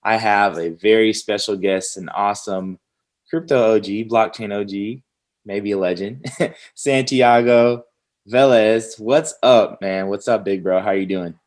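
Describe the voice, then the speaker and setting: A man's voice: on the low side, fairly even intonation, a little slow. A man hosting a casual crypto interview podcast, upbeat and full of slang. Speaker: podcast host. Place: Houston.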